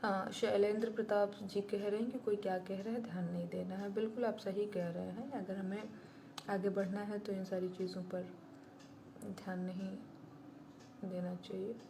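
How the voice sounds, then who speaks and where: A woman's voice: medium pitch, steady tone, moderate pace, vocal fry, noisy background. A woman singer-songwriter talking bluntly and indignantly to her viewers on a live stream. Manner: blunt and indignant, plain-spoken.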